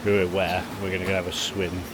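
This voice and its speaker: This family vlogger has a deep voice and a flat delivery, and he talks fast. He chats to camera in a rambling way, chuckling between remarks, outdoors in a car park and then at a leisure pool, on a handheld vlog with loud background noise.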